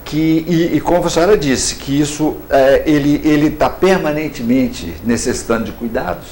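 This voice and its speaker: A Brazilian man hosting a local TV interview, asking halting, rambling questions with many restarts. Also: on the high side, a little mellow, a little hiss or hum. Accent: Brazilian Portuguese.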